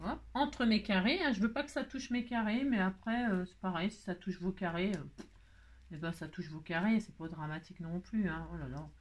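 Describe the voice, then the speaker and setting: A woman's voice: lowish voice, moderate pace. A woman with a French accent hosting a card-making tutorial, chatting and thinking aloud as she works, with frequent delighted exclamations. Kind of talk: casual crafting tutorial.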